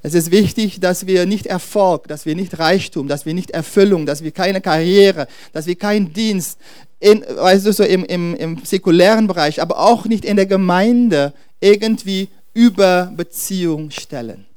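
A man's voice: high voice, a little mellow, clear, resonant tone, no echo, studio quality. A man preaching a sermon to his congregation, often stopping to search for words and starting his sentences over. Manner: searches for words, halting restarts; speaks to the congregation directly. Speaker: pastor.

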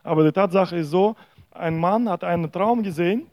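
A man preaching a sermon, telling a parable in a halting way with frequent hesitations. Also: high voice, darkish tone, no echo.

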